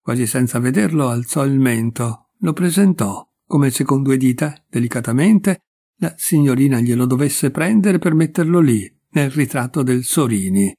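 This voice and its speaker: Gravelly male literary narrator. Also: mid-range voice. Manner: measured, expressive reading. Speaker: audiobook reader.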